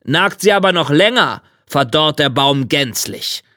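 A man reading a storybook, voicing a gruff, short-tempered male devil with a gravelly rasp and slow, growling outbursts. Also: on the high side, expressive, bright, forceful tone, no room sound, clean studio sound. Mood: dismissive. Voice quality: gravelly, rasping.

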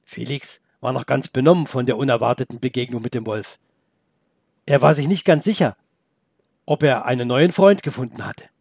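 A man narrating a children's story aloud in a gentle, expressive way. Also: medium pitch, moderate pace, creaky, slightly rough, dry recording, studio quality.

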